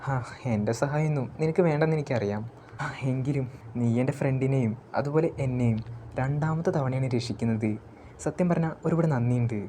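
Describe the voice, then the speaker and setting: A shy, warm young princess in a storybook retelling, read out by a man. The tone is mellow and low-key, with faint background noise behind it. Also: fairly quick, close to an everyday voice. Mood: tender.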